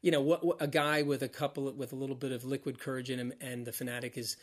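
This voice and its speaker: A middle-aged man, a former mascot performer, chatting as a podcast guest, telling animated stories with frequent laughs and restarts. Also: medium pitch, fast talker. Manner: animated storyteller, laughs often, restarts words. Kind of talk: casual interview chat.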